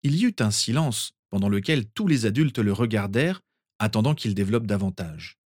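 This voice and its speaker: A man reads a story aloud with an expressive storyteller's delivery. His voice is low, with a lively, wide-ranging pitch, and the close recording is dry. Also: normal speed, no echo. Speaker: reader. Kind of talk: audiobook narration.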